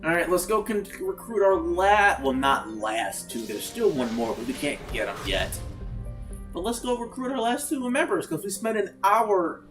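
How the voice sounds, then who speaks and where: Gamer dude rambling on stream, voice jumps all over, cusses a lot. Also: male voice, sits high, moderate pace, music in the background. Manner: animated, swears freely, bursts into shouts. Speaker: gaming streamer. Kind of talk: casual let's-play chat.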